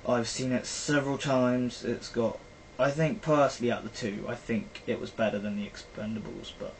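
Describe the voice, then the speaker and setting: A young vlogger from Britain chats about films in a rambling, filler-heavy way. His mid-range voice has fairly even intonation, vocal fry and a moderate pace. The recording is poor and carries faint background noise.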